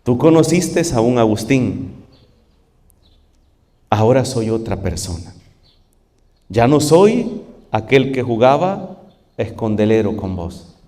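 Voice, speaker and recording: A man voicing a grave, firm older bishop who speaks quietly and measuredly. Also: medium pitch, very animated, slow, pauses often, in a large hall.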